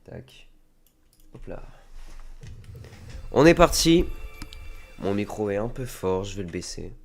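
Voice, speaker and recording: A man's voice: fairly low pitch, very animated, takes it slowly, vocal fry, faint music behind. A man with a head cold casually chatting to viewers while streaming a game. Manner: chatty, rambling, talks to viewers. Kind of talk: casual let's-play commentary. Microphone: desk microphone.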